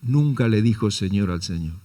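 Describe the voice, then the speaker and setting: A man's voice: on the low side, lively intonation, normal speed, warm tone. Man preaching a sermon. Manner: rhetorical questions, addresses the congregation as brother; dramatizes quotes with shifting intonation. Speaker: pastor.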